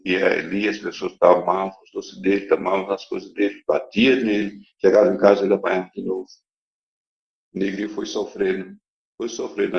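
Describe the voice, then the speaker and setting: A man's voice: sits low, vocal fry. A man giving a testimony to a congregation, telling a story in a dramatic, emphatic way. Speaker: church member giving testimony. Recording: dull lo-fi recording.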